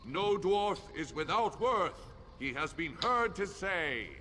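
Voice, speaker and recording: An actor playing a town crier in a video game, declaiming public news. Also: male voice, high-pitched, big pitch swings, slow pace, pushed and bright, reverberant, slight background noise, heavily acted. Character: loud town crier man announcing news.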